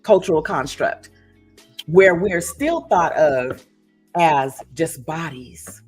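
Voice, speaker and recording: Female host, fairly low voice, emphatic storyteller with asides, faint music underneath. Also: expressive, slow pace, darkish tone, slightly rough. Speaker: podcast host and author. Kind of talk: casual discussion.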